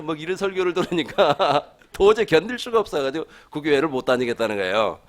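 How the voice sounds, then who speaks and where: Animated preaching man with lively pitch. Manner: animated, asks the congregation questions; chuckles while preaching. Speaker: pastor. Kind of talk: sermon.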